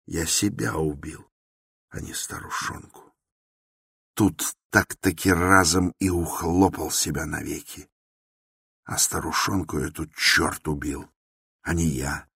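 A man's voice: fairly even intonation, takes it slowly, creaky, bright, forceful tone, slightly rough, no echo, studio quality, exaggerated voice. A man voicing a brooding tormented young man. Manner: intense, brooding, low and confessional. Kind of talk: dramatic reading of a novel.

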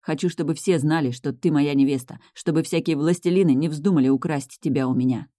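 Tender young mage fiancé, soft and earnest, mellow and close, played by the audiobook reader. Low-key delivery, plain reading voice. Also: a little fast, no room sound, close to an everyday voice. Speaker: love interest in a fantasy romance audiobook. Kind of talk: scripted audiobook dialogue.

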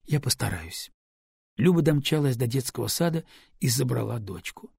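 Мужской голос, художественное чтение, сухая запись, спокойно. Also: male voice, mid-range voice, brisk, gravelly, a little mellow, husky, no echo, clean studio sound. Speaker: audiobook narrator. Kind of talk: scripted narration.

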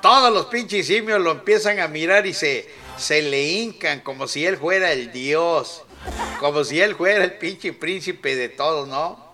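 A man's voice: on the high side, pushed and bright. A man with a Mexican accent hosting a radio show, retelling a film in casual, profane, rambling talk and laughing often. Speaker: radio host.

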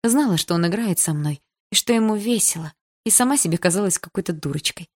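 A woman reading a teen romance audiobook in first person, lively and expressive. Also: on the low side, fast talker. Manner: lively, shifts into character voices. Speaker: audiobook narrator.

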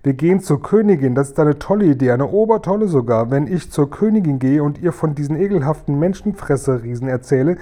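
A man voicing a spirited, outspoken little girl from a storybook, pitched up and eager. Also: fairly quick, hardly any pauses, mellow, lightly acted. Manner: eager, raised and higher voice.

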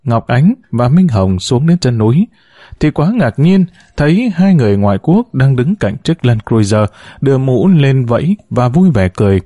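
A man reading a story aloud at a steady pace, with a dark, mellow timbre. The recording is dry and close, with no room echo, and his pitch sits in an ordinary middle range. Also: normal speed, muffled recording. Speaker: narrator. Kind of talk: audiobook reading.

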